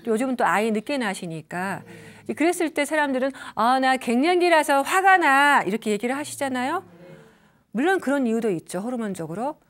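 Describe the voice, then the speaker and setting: Animated woman counselor lecturing. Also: fairly high pitch. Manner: animated, acts out quoted parents and children. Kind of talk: lecture on communication.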